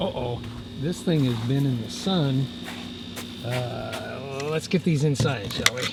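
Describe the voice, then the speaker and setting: Taking it slowly, a man with a medium-pitched, creaky voice speaks over heavy background noise. He hosts a DIY video channel, and his chatty, folksy narration includes wry comments directed at the viewer.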